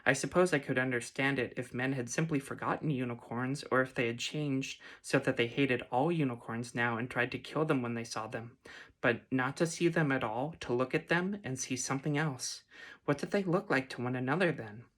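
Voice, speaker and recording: A man voicing a proud, ancient female unicorn with a haughty, lofty manner, in a soft whispered role-play. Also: mid-range voice, normal speed, close to an everyday voice. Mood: wondering. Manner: indignant, lofty.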